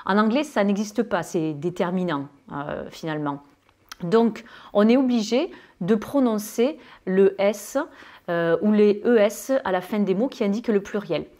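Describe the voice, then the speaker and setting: A woman with a southern French accent teaching English pronunciation to French speakers, with many fillers and pauses, who draws out her English example words. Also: mid-range voice, a little mellow. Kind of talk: spoken lesson.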